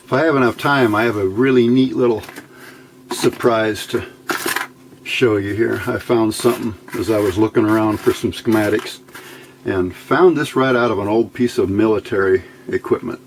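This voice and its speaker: Speaking at normal speed in a lowish voice with vocal fry, a man talks himself through a hands-on electronics build at his indoor bench. It's a casual, unscripted channel tutorial, and the recording carries a little hiss or hum.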